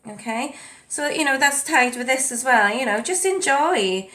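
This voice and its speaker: This woman, a tarot and oracle card reader, chats through a casual spiritual card reading, reading the card texts aloud with plenty of ums and you knows. Her high-pitched, bright voice is animated and forceful at a normal speed. She records on a desk mic at home with a ring light.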